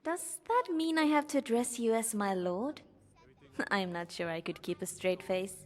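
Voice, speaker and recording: A woman's voice: medium pitch, measured pace, natural voice. A woman playing a loyal young female bodyguard in a video game, speaking in a dry, matter-of-fact way. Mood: dutiful.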